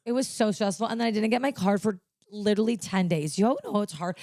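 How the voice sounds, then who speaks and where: A woman's voice: mid-range voice, quick pace, dark tone, slight background noise. A young woman co-hosting a casual podcast, telling a story animatedly and acting out both sides of a phone call. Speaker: podcast co-host. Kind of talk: casual chat.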